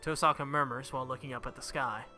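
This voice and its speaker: Hosting a let's play, a man reads out a visual novel dramatically, throwing in casual reactions and the occasional fumbled word. He talks fast in a steady, mid-range voice while loud game music plays underneath.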